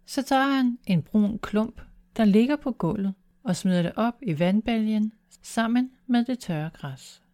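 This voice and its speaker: A woman narrating a children's story in a calm, clear manner. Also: medium pitch, hardly any pauses.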